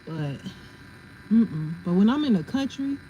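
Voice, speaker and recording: Woman host, mellow easygoing chat with viewers, dull lo-fi stream with faint hum in the background. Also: mid-range voice, big pitch swings, measured pace. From family from South Carolina. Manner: chatty, laughs often, answers viewer comments. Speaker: livestream host. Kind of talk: casual livestream chat.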